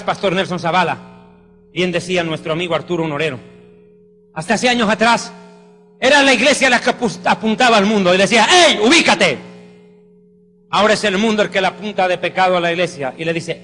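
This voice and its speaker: A man preaches a fiery sermon, his voice high and bright as it rings through a long-reverb hall. Faint music plays softly underneath him. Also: quick pace. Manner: fervent, exclamatory preaching.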